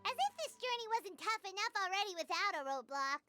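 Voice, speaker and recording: A woman's voice: very high-pitched, big pitch swings, fast talker, over music. An actress voicing a tiny, sassy, whiny female companion creature in a game.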